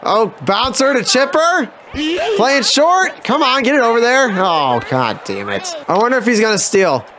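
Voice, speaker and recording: High-voiced gamer man yelling at his team. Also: a little slow, crowd noise. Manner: excitable, swears and yells at the players. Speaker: gaming YouTuber. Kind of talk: live gameplay commentary.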